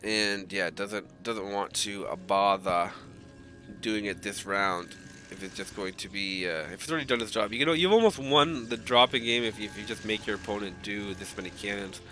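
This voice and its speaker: Faint music runs under a live strategy game broadcast as an esports caster rambles through casual play-by-play, swearing here and there and frequently starting his sentences over. His voice is on the low side at a normal speed, bright and forceful despite a just-woke-up grogginess.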